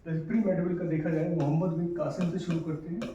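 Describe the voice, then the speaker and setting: Male history tutor, slightly high and mellow voice, repetitive and conversational, recorded off-mic in a very echoey room with faint hiss. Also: fairly even intonation, quick pace, recorded from a distance, highs cut off. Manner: repetitive, checks in with "clear guys?". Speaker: history teacher. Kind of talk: casual exam-prep lecture.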